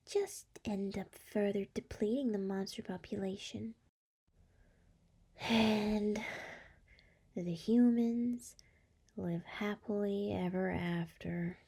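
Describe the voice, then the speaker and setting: In an ASMR roleplay, a woman plays a seductive, scheming succubus demon lord, whispering breathy and soft with a teasing purr right up against the mic. Her medium-pitched voice is exaggerated.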